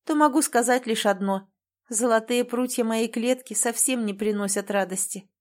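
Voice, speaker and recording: A woman's voice: fairly high pitch, normal speed, darkish tone, lightly acted. A woman voicing an emotional young woman, a sister who exclaims and sighs, in an audiobook. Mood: sad. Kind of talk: audiobook character voice.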